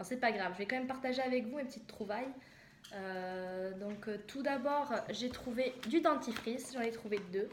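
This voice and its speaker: A young woman from southwest France chatting casually in a haul video, hesitant and full of fillers. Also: fairly high pitch. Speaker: vlogger. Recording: echoey room with noise.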